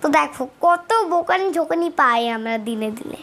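A woman teaching spoken English, acting out short everyday dialogues and repeating each phrase slowly for learners. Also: high-pitched, lively intonation, fairly bright tone, a little hiss or hum. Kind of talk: slow bilingual lesson with example dialogues.

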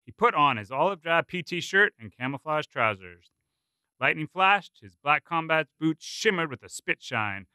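A man narrating a written story in a measured, expressive reading style. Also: fairly high pitch, smooth, no room sound. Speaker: story performer. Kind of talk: scripted narration.

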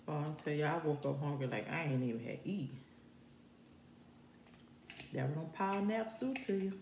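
Low-voiced woman chewing noisily while chatting. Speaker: mukbang host. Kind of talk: casual eating-show chat. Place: small room indoors. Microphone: phone or camera across the table. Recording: echoey room, clear background noise.

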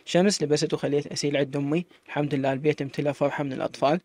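A man with an Iraqi accent reading a serialized story in a rapid, even manner. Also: on the high side, no room sound.

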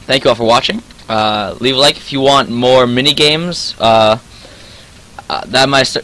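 A young man in his teens commentating his own gameplay, excitable and quick to frustrated outbursts, his voice sometimes cracking. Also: mid-range voice, poor audio. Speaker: gaming channel host.

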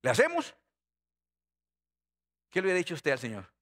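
A middle-aged man preaching a sermon, animated and constantly asking his congregation questions. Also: a little high, normal speed. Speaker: pastor.

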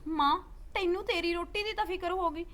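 A woman's voice: very high-pitched, brisk, a bit bright. A woman with a Punjabi accent playing a defiant young village woman who pleads and accuses her family. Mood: accusing. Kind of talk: village drama acting.

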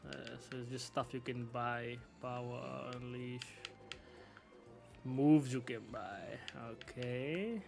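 A gaming YouTuber gives laid-back walkthrough commentary on a video game's menus, speaking slowly in a gravelly, darkish mid-range voice with faint music behind him. He uses slang, thinks aloud, laughs often, and makes asides to chat.

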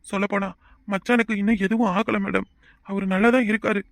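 A man's voice: high-pitched, level tone, a little fast, no echo. A man voicing an accused young husband in a cartoon family drama, begging to be believed. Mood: pleading. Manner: begging, pleading.

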